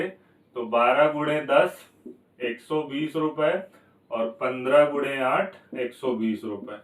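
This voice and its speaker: A man's voice: a little high, roomy sound, far from the mic, poor audio. A man teaching a maths lesson for exam prep, asking questions and answering them himself, going step by step. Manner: explains step by step, repeats key numbers.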